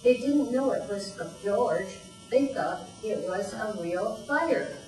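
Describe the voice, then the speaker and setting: An older woman, a grandmother, reading a children's storybook aloud in a deliberate, expressive way for young children. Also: medium pitch. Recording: roomy echo, distant mic, faint music.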